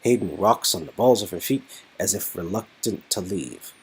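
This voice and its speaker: A man with a low, husky voice plays a story game and reads its narration aloud, sounding animated at a moderate pace. He's playful and casual but a little hesitant, often repeating himself, and the audio is poor.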